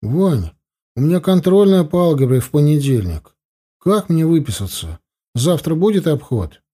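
A man's voice: a little high, sing-song, dark tone, breathy edge, pitched above the performer's own voice. A man voicing a wry, restless teenage boy with an adult's mind in an audiobook. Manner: wry, fast talking when pleading.

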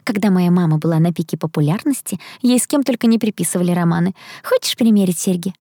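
A woman's voice: lowish voice, quick pace, mellow, dry recording, clean studio sound. A woman voicing a chatty, spoiled, dreamy young female student in an audiobook. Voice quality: bubbly, talkative. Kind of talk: audiobook character voice.

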